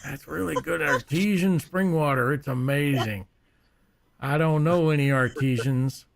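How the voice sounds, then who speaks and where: A man imitating a folksy old man on a porch pitching a beer in a commercial, in a slow, easy drawl. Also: creaky, a crowd in the background.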